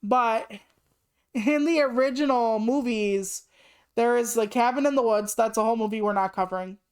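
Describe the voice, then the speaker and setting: A woman's voice: a little high, normal speed, darkish tone, smooth. Chatty, foul-mouthed woman streamer. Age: 30s. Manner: chatty and swears freely; rambling asides with many "like" fillers. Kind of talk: casual live-stream chat.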